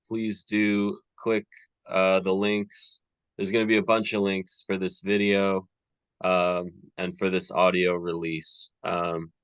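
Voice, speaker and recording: A male podcast host with a low, unhurried voice that sounds smooth and resonant. He rambles casually with plenty of fillers. The recording is dry and close, with no room sound. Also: dry recording. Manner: relaxed, rambling, many fillers.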